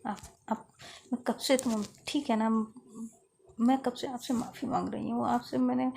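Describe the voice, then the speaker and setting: A woman's voice: on the high side, steady tone, moderate pace, creaky, dark tone, slight background noise. A woman voicing a young schoolgirl who begs her friend's forgiveness, stammering and insistent. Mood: pleading.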